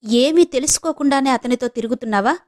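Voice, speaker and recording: An unmarried elder sister and doctor, probing and quietly wounded, voiced by a woman reading an audio novel. Her voice sits fairly high. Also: quick pace, lightly acted. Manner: firm questioning, then soft and heavy.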